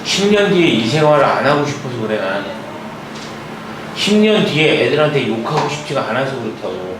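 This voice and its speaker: A man's voice: mid-range voice, sing-song. A young man tutoring math at an academy classroom, lecturing and scolding his students, checking in with them constantly. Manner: scolding, lots of quick check-in questions. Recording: very echoey room, mic far off, noisy.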